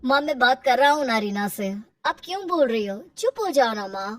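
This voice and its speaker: Harried young husband in a story, calling out and trying to keep the peace, lively pitch, woman doing him. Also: normal speed, dry recording, far from the mic. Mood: placating. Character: young husband caught between wife and mother.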